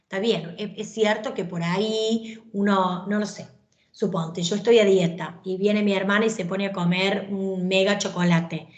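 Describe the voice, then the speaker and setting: A woman teacher lectures at an even, middling pitch. She explains step by step and keeps checking that her students follow. The recording is roomy, with a clear echo around her voice. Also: moderate pace. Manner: explains patiently, often checking understanding with "¿sí?". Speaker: English teacher. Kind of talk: online class lecture.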